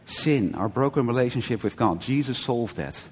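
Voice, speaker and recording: A man teaching a conversational sermon, often checking with his listeners with a quick "right?" and restarting his sentences. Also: medium pitch, animated, darkish tone, a little hiss or hum. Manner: conversational, frequent "right?" checks and brief laughs, self-correcting restarts. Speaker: preacher. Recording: long hall reverb.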